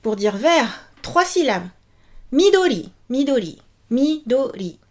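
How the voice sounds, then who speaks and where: A cheerful young woman teaching a language video lesson, repeating each word slowly and clearly. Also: sits high, big pitch swings.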